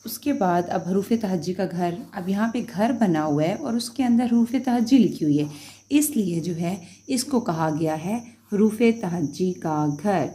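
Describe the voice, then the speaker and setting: A woman's voice: fairly low pitch, normal speed, warm tone. A woman teaching a beginners' Urdu lesson, patiently sounding out letters one at a time and checking understanding as she goes.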